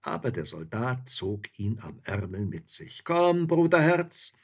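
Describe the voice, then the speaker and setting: A man reading a fairy tale aloud as narrator, in an expressive storytelling manner. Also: low voice, unhurried, husky.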